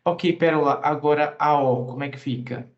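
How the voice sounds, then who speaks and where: A man's voice: a little high, steady tone, moderate pace, highs cut off. A man teaching English in an online class, patiently explaining grammar at length and asking students questions.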